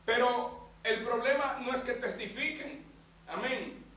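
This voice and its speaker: Bright, high-pitched male preacher, constant amens, recorded from a distance in a reverberant church with a faint hum. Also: a little slow. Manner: punctuates phrases with amen and bendito sea el Señor. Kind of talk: sermon. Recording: echoey church hall, mic far off.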